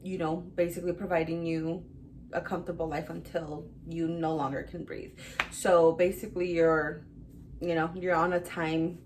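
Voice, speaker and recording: A woman's voice: fairly low pitch, a little hiss or hum. Chatty young woman gushing about books. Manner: chatty and rambling, full of "like" and "um". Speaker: book reviewer. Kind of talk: casual book review vlog.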